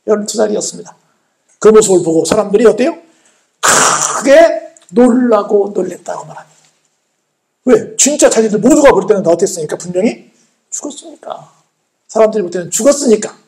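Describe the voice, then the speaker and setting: A male pastor preaching a sermon in a church, telling the story with acted-out voices and asking his listeners questions. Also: high voice. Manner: animated storytelling, acting out speakers, asks congregation questions.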